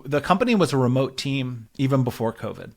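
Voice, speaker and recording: A product and growth leader, interviewed as a guest, explains ideas about work conversationally and keeps checking in with "right?". His mid-range voice is creaky, his intonation lively, and his pace brisk.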